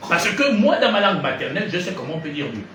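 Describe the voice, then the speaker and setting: Speaking quickly in a fairly high voice, a man from Gabon delivers a sermon to his congregation. He keeps throwing questions at the audience, his lively delivery probing them as he teaches. The noisy audio comes from far off in a reverberant room.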